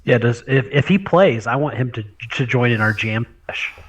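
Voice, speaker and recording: A man's voice: medium pitch, animated, normal speed, slightly rough, rough recording. A man playing a tabletop game, chatting casually and eagerly playing along. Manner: playful, eager to play along. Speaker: player.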